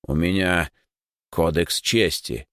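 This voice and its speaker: A man's voice: low voice, takes it slowly, fairly bright tone, dry recording, studio quality. Man playing a shy, flustered schoolboy. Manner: hesitant, flustered. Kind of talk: audiobook character voice.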